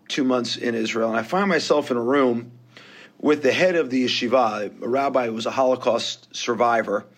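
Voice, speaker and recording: A guest investor in his fifties with a New York accent tells his story on a podcast interview, candid and self-deprecating. His voice is medium-pitched.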